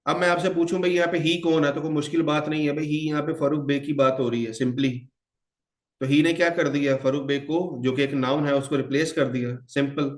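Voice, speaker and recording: A man whose voice leans high teaches English grammar for an online exam-prep class, switching between Hindi-Urdu and English in a brisk, steady tone with a roomy sound. Addressing his students as children, he quizzes them and answers the questions he poses.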